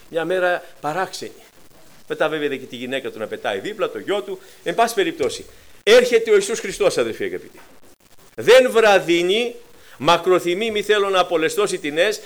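Impassioned man preaching a sermon. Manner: impassioned, rises high and loud on acted cries, drops low and quiet while retelling; frequent hesitations with filler sounds.

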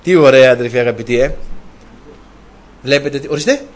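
A man preaching a sermon, retelling a story animatedly and asking his listeners rhetorical questions. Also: mid-range voice.

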